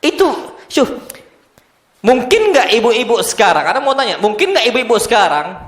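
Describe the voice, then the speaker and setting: High-voiced male preacher in a roomy mosque. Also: brisk. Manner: lively preaching with rhetorical questions to the women present. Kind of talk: lecture in a mosque.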